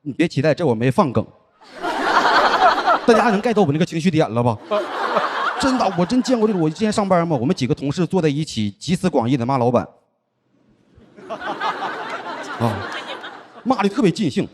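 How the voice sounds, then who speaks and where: A man's voice: a little high, fast talker, noisy background. A man performing a stand-up comedy set on a theater stage, telling stories animatedly and acting out what people said. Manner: animated storytelling, acting out quoted dialogue. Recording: reverberant hall with loud audience laughter. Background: audience laughter.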